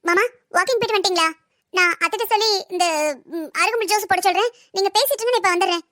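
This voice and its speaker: A performer voicing a gentle young married woman in a cartoon drama who tries to keep peace. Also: extremely high pitch, racing, no room sound, clean studio sound. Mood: placating. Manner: soothing, placating.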